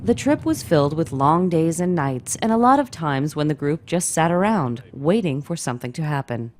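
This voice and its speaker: A woman's voice: deep voice, animated, normal speed, a little mellow. A woman reading scripted documentary narration.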